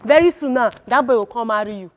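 A woman's voice: fairly high pitch, fast talker, lightly acted. A woman with a Nigerian Pidgin-tinged accent playing a pushy, dismissive sister in a comedy skit. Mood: bossy. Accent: Nigerian Pidgin-tinged English. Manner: bossy, dismissive. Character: pushy older sister overstaying her welcome.

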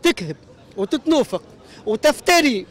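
A man's voice: very high-pitched, big pitch swings, moderate pace, a bit bright. A man with a Tunisian accent arguing politics in a heated street debate, repeating himself and cutting the others off. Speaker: interviewee. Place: outdoors in a city street.

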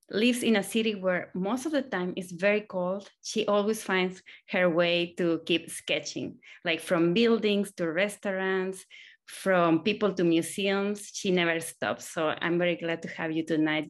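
Woman, low voice, slow, introducing a guest speaker. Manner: unhurried, warm praise with fillers. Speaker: meeting host. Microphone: video call.

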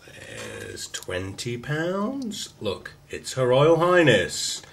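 A man's voice: mid-range voice, huge pitch swings, extremely slow, creaky, slightly rough. A man in his thirties with an English accent, chatting cheekily to camera in a casual vlog. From England. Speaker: vlogger. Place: inside a car while driving. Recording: road noise in moving car.

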